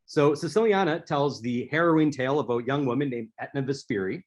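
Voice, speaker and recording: As an author in a speaker series, a man gives a prepared talk built on storytelling, with some restarts. His voice sits at medium pitch and moves fairly quickly.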